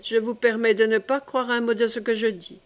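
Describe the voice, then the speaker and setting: A woman's voice: fairly high pitch, flat delivery, a little fast, lightly acted. A woman reading as a gracious young queen. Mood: confiding.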